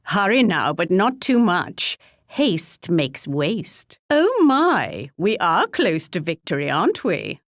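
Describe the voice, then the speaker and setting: A woman's voice: on the low side, huge pitch swings, slow pace, no echo, clean studio sound, heavily acted. An actress playing a regal, wry English queen in a video game, with a British accent and a pompous, formal, archly polite delivery. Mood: determined, brisk. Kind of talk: theatrical video game character voice lines.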